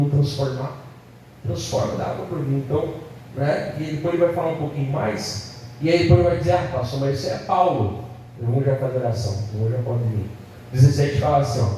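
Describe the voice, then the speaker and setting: A man's voice: fairly high pitch, dark tone. A man preaching a sermon as pastor, often asking the congregation "amém?" and "né?". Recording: very echoey hall, distant mic, faint room noise.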